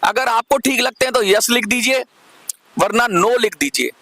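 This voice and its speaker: Man, high-pitched, bright, addressing viewers, rhetorical questions, repeats himself. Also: moderate pace, no room sound. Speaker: commentator on pension issues.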